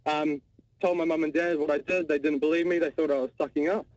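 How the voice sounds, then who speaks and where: Man, New Zealand accent, radio caller, quick hesitant talk, dull lo-fi sound. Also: a little high, fairly even intonation, a little mellow, dry recording. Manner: hesitant, many ums. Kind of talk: telling a story on a call-in. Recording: caller audio on a radio broadcast.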